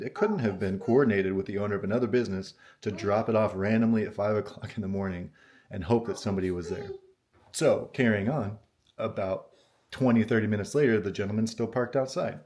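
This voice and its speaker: Male vlogger, slightly low register, casual storyteller, puzzled and conversational. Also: fairly quick, a crowd in the background. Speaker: vlogger telling an anecdote.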